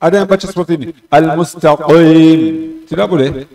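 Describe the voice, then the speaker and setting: A male tajwid teacher with a fairly high voice speaks very slowly and patiently, repeating each syllable to demonstrate it. He is picked up from a distance in a roomy, echoing space. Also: darkish tone, faint music behind. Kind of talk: Quran recitation lesson. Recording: roomy echo, distant mic.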